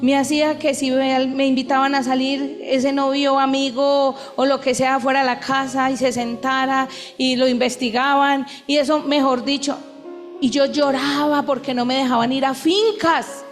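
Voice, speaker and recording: A woman pastor preaching a sermon, with emphatic rhetorical questions and lively acted-out quotes. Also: sits high, moderate pace, long reverb tail, faint music behind.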